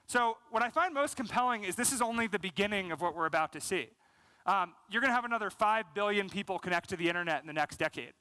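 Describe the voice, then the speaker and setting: An American man in his thirties delivers a keynote on a big conference stage, talking fast in a high-pitched voice, fluent yet full of "um" and "you know." He's energetic and gestures as he speaks. His headset mic gives no room sound, but the audio quality is poor.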